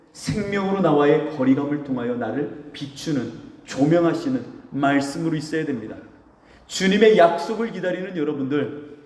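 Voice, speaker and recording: Male pastor, warm mellow tone, emphatic preaching, big echoing church hall. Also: a little high. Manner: emphatic preaching with acted quotes of dialogue. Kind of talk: sermon. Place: church sanctuary. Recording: roomy church hall with long reverb.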